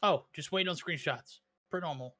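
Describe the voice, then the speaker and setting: A man co-casting an online esports match in a bright, forceful voice that sits a little high. He keeps things upbeat, jokes around and hypes up the players. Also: a little fast. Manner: upbeat, hype-driven and joking. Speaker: esports caster. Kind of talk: play-by-play commentary.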